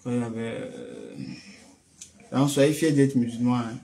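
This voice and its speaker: Hosting an informal religious call by phone, a man with a West African French accent speaks at a medium pitch, unhurried but with huge swings in pitch. His tone is dark, with vocal fry. He hesitates a bit and tends to repeat a phrase before continuing.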